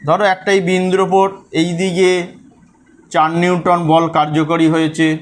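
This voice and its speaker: A man's voice: sits high, flat delivery, moderate pace. A man teaching a school physics lesson, working through forces step by step and checking that pupils follow.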